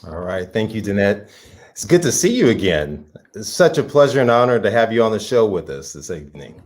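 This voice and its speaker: A man co-hosts an interview show in casual conversation, his fairly low voice sing-song and brisk. He sounds enthusiastic and chatty, laughing easily.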